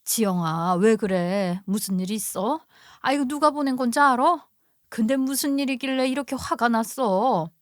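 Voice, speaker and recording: A woman's voice: fairly high pitch, normal speed, no room sound, studio quality, natural voice. A woman voicing a middle-aged mother who fiercely defends her daughter in a dramatized story reading. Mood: concerned. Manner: worried, then indignant on her daughter's behalf.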